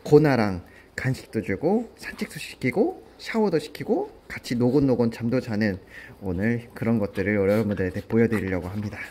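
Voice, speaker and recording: A man's voice: lowish voice, expressive, moderate pace, few pauses, mellow, a little hiss or hum. A man narrating a pet vlog in a friendly, chatty way, talking straight to his viewers. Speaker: pet vlogger.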